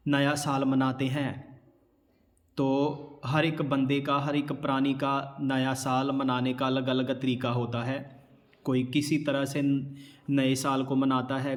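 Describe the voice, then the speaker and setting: Slow-preaching pastor in a reverberant hall. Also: male voice, on the high side. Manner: slow, deliberate preaching with rhetorical questions. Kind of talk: sermon.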